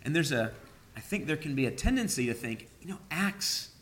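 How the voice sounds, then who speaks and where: A man's voice: on the high side, very animated, fairly quick, a bit bright, slight background noise. A man preaching a sermon, speaking with frequent hesitations and fillers. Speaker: pastor.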